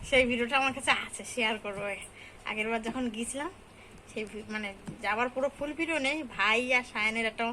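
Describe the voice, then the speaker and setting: A young woman narrating a casual family vlog in a chatty way, talking softly to her young son at times. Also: fairly high pitch, fast talker, slight background noise. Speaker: family vlogger.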